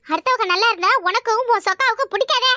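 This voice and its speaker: Lady voicing a loud boastful village woman in a cartoon, squeaky high and sharp, dry sound. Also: quick pace, no echo. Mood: defiant. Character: Thangamayil, brash quarrelsome village woman. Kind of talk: cartoon voice acting.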